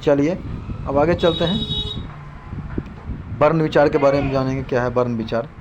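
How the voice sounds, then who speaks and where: A male teacher giving a grammar lesson. He recites letters slowly and turns key points into questions that he answers himself. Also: on the high side. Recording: dull lo-fi recording with steady hiss.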